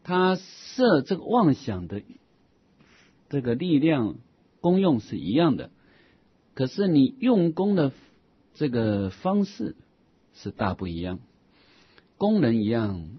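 A man giving a Buddhist dharma lecture, patiently explaining a scripture and reading its quoted passages slowly and deliberately. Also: mid-range voice, very animated, breathy edge. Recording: dull lo-fi recording.

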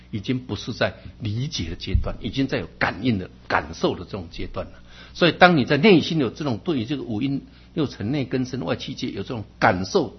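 Man, Buddhist dharma talk, earnest and repetitive, low husky voice, muffled lo-fi recording. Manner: earnest, repetitive, chuckles at own jokes. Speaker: Buddhist teacher. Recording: dull lo-fi recording.

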